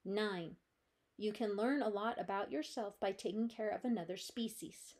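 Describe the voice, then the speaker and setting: A woman librarian reading a children's chapter book aloud with gentle, steady storytelling. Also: medium pitch, normal speed.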